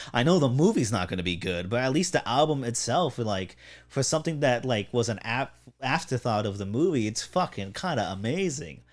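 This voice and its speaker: A man co-hosting a podcast in casual chat, telling stories in a rambling way, swearing constantly and laughing often. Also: medium pitch. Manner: profane, rambling storyteller with frequent laughs. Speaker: podcast co-host.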